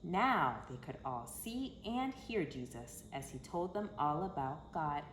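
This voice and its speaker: A woman with a deep, animated voice reads a children's picture book aloud at a measured pace, phrasing things dramatically and emphatically as a storyteller for kids. The room is echoey, with faint background noise.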